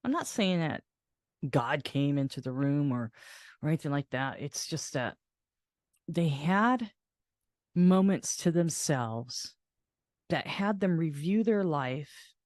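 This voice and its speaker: An older woman host telling a personal caregiving story in a soft, reflective way, restarting her sentences as she goes. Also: sits low, lively intonation, takes it slowly, long pauses, no echo, studio quality. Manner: reflective, soft-spoken with frequent laughs and restarts.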